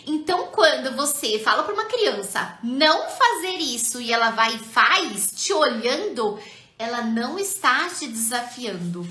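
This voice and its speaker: A Brazilian woman talks to parents in a high, bright voice that swings widely in pitch. She is animated and keeps turning to her viewers. The sound carries the echo of a hard room. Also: unhurried. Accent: Brazilian Portuguese. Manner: animated, addresses viewers directly. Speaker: parenting educator and mother. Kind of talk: live talk to parents. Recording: echoey room.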